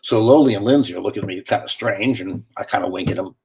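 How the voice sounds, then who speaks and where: A man delivering a wry, animated theatrical monologue, telling his story in a conversational way. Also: lowish voice, quick pace, slightly rough.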